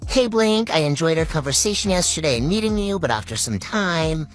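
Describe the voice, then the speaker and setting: Brief: 30s woman, voice pitch-shifted very deep, halting storyteller with lively intonation and faint music behind. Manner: halting, with frequent "um" pauses. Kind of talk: casual storytelling to viewers.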